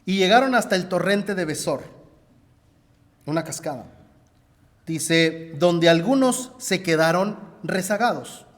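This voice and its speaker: Man, preacher, sermon, storytelling, fairly high voice, long hall echo. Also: expressive, measured pace, pauses often. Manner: storytelling, addresses listeners directly. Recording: echoey hall reverb.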